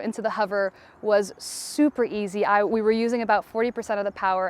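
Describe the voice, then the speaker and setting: Smooth-voiced enthusiastic woman pilot. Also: mid-range voice. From Tanzania. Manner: enthusiastic, with a few fillers and restarts. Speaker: helicopter pilot. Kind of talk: promotional testimonial.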